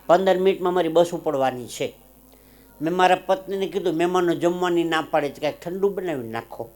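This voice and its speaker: A man telling comic stories on stage at a live show, and acting out the characters in his jokes in loud, high voices. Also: brisk. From Gujarat, India. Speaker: comedian. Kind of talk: live stand-up storytelling.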